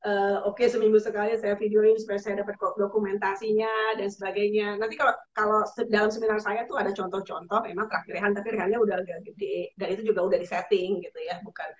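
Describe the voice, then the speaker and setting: A woman host talks parents through therapy ideas on a live stream, advising and explaining as she goes, with frequent fillers. Her voice sits at an ordinary middle pitch. The audio is dull and lo-fi, as from a web livestream. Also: flat delivery, fast, few pauses, echoey room. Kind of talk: casual Facebook Live chat.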